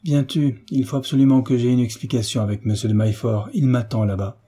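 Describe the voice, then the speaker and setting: A man's voice: mid-range voice, fairly even intonation, brisk, dark tone, slightly rough, close to an everyday voice. A man reading a proud, ambitious nobleman in a French audiobook, with formal, tense politeness. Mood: stiffly polite.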